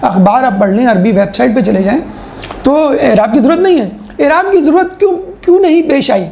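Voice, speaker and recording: A woman's voice: high-pitched, expressive, gravelly, warm tone, reverberant, highs cut off, slight background noise. A woman lecturing as a teacher, explaining step by step with rhetorical questions and mimicking how people talk. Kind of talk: classroom lecture.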